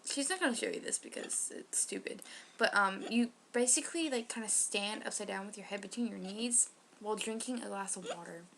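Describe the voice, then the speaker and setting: A teenage girl hosts a homemade how-to video, chatty and giggly, tossing in casual slang. Her bright, fairly high voice carries a slight vocal fry. There is a faint hiss in the background. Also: a little fast. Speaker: co-host.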